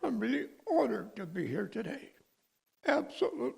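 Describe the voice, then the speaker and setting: Older veteran, gravelly voice, halting delivery, a man from California. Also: very high voice, big pitch swings, a little mellow. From California, USA. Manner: halting, searching for words. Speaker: veteran interviewee. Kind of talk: personal interview.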